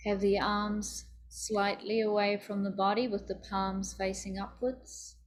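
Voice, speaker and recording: A woman guides a yoga nidra meditation, her delivery soothing, deliberate and instructive. Her voice is mid-range with a level tone.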